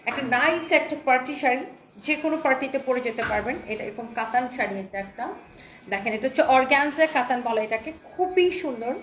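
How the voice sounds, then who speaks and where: Fast, chatty woman selling sarees. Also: high-pitched. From Bangladesh. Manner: chatty, enthusiastic sales patter. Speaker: online saree seller hosting a live stream. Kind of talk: live sales stream, reading viewer comments aloud. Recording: roomy echo.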